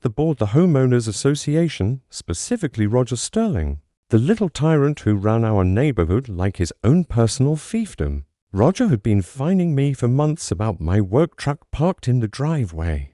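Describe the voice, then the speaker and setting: A man's voice: medium pitch, very animated, normal speed, few pauses, warm tone, no echo, clean studio sound. A man reading a scripted first-person story aloud in a dramatic, suspenseful storytelling manner. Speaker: narrator.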